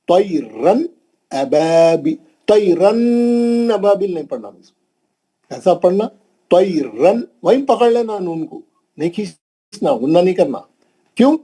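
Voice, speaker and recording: A man's voice: fairly high pitch, warm tone, husky, rough recording. A man teaching Quran recitation rules in a classroom lesson, patiently repeating each example and drilling the pronunciation. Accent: Hyderabadi. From India.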